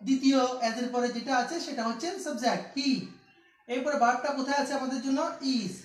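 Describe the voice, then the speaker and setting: Man from Bangladesh teaching grammar, high-pitched, recorded from afar in a roomy space. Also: fairly even intonation, brisk. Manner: repeats key steps, asks students questions. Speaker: English teacher. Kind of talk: classroom grammar lesson. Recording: echoey room, distant mic.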